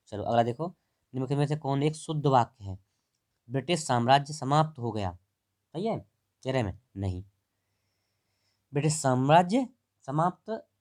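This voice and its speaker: A man's voice: mid-range voice, darkish tone. A man teaching, going through test answers one by one, explaining and correcting, and asking students to answer. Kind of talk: exam answer walkthrough.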